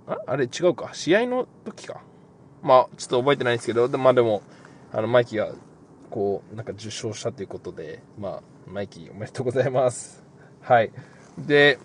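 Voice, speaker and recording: A man's voice: mid-range voice, slight background noise. A young man hosting a casual podcast and answering listener questions, easygoing and rambling with lots of fillers. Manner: relaxed, rambling, many fillers. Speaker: podcast host, pro basketball player.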